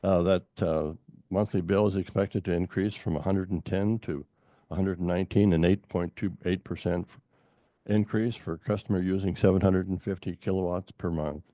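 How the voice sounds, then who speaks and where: An older man from Montana giving public testimony at a utility hearing, halting and full of fillers and restarts. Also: low voice, steady tone, mellow, no room sound, clean studio sound.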